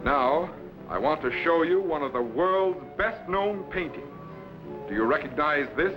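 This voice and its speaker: An actor playing an authoritative, courteous time-traveling captain who lectures formally in the declamatory style of a 1950s TV sci-fi serial. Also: male voice, a little high, animated, a little slow, over music. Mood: courteous, solemn. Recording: dull, lo-fi vintage broadcast recording.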